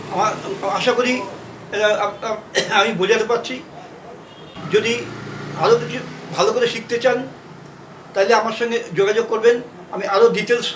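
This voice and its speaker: A man's voice: sits high, slight background noise. A man with a Bengali accent teaching shorthand, dictating sentences word by word and spelling out letters. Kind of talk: slow dictation lesson. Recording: echoey room, mic far off.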